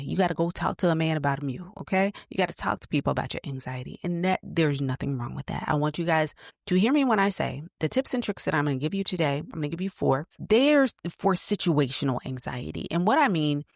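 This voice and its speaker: A woman's voice: deep voice, animated, fast, creaky, no room sound, clean studio sound. A woman hosting an advice podcast, telling personal stories in a chatty way with lots of fillers. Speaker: podcast host. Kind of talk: casual advice podcast monologue.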